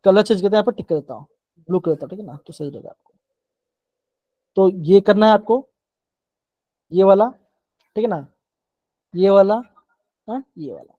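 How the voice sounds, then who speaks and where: A man's voice: sits high, dark tone, no room sound, muffled recording. A man teaching chemistry in a live online class, explaining step by step, repeating himself and often checking that the students follow. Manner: coaxing, keeps checking in with the class.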